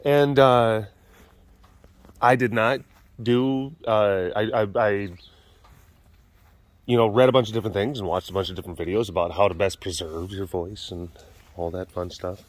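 An older adult man, a big cat sanctuary keeper and vlogger, rambles casually off camera into a handheld camera mic while filming outdoors at animal enclosures. His fairly low voice is slightly hoarse and partly lost, with fairly even intonation and normal speed, and he pauses often, slipping into soft baby talk with the animals. There's no room sound.

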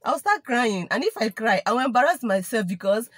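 A woman's voice: fairly high pitch, sing-song, moderate pace, husky, dry recording. Chatty young Nigerian woman telling a story. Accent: Nigerian English. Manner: chatty, mixes in Igbo and Pidgin expressions. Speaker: vlogger. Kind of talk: casual storytime monologue.

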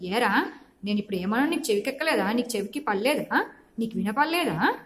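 Storybook miser: a woman plays a bossy old village man, scolding loudly in a raised voice. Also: a little high, lively intonation, a little fast. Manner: shouting, scolding.

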